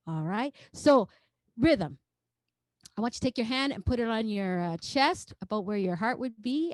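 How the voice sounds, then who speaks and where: Brief: higher-voiced woman, lively workshop teacher coaxing a group over video call, dry sound. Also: no echo, rough recording. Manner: energetic, playful, coaxing. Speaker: choral workshop clinician. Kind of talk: interactive online music workshop.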